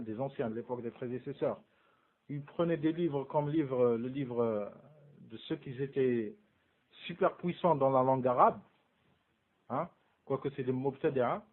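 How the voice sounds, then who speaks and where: A man teaches a religious lesson in a relaxed, conversational way. He keeps asking his listeners rhetorical questions and drops Arabic terms into his speech. His voice sits at a middling pitch and comes through a narrow, phone-like band. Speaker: Islamic studies teacher. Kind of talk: casual French religious lesson.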